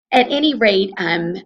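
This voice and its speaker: Medium in pitch and husky, her voice loses its highs in this recording. The woman, a college instructor with an Ohio Valley American accent, gives students a casual screencast tour of her online course, talking and explaining conversationally.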